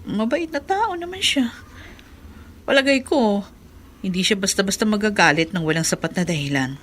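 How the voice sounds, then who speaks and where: An actress playing a worried wife who tries to calm a quarrel and hesitantly questions her husband, in a radio drama. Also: medium pitch, normal speed. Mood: placating. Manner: placating, hesitant. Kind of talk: Filipino radio drama acting.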